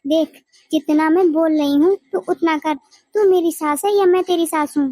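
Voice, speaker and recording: A woman's voice: extremely high pitch, moderate pace, dark tone, no echo. A woman voicing a bossy, scolding mother-in-law in a family cartoon. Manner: nagging, scolding.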